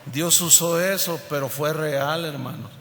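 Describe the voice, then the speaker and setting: A man preaching a sermon, telling a personal story in a lively way and acting out the people he quotes. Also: fairly high pitch, a little slow, a little hiss or hum. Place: church hall. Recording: reverberant hall, faint ambience.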